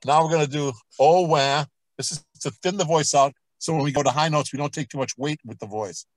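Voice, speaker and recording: A man voice coach leading a vocal warm-up lesson, explaining each exercise and then demonstrating it with sung vowels and scales. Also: fairly high pitch, a little fast, dry recording, rough recording.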